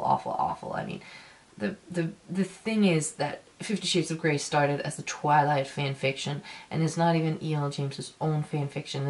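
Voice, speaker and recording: A woman with a low, gravelly voice talks to her viewers in a casual review. She rants with heavy emphasis, stopping and starting and repeating herself to drive things home. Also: poor audio. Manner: emphatic, repetitive, halting ranting. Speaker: film reviewer.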